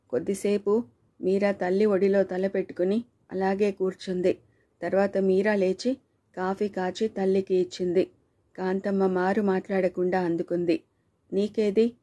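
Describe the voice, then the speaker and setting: A woman narrating a novel as an audiobook in a steady, even storytelling manner. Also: mid-range voice, normal speed.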